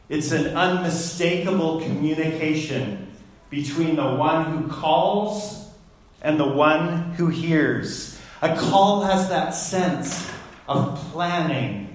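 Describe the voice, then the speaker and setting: Slow, deliberate man preaching in an echoing hall. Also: fairly high pitch. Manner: slow, deliberate delivery with pauses between words. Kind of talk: sermon. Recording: very echoey room.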